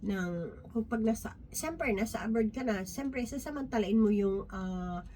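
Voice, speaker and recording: A woman sharing a Bible reflection in an informal devotional talk, often checking in with her listeners through tag questions and pausing with fillers and restarts. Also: fairly high pitch, lively intonation, mellow, slight background noise. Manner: halting, many restarts and fillers.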